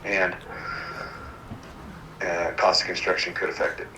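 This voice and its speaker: Man on a speakerphone, halting. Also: sits low, completely flat delivery, noisy background. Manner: hesitant, halting, many fillers and restarts. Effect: heard over a speakerphone call. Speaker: project engineer consulted by phone. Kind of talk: answering questions at a county meeting. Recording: distant echoey speakerphone in meeting room.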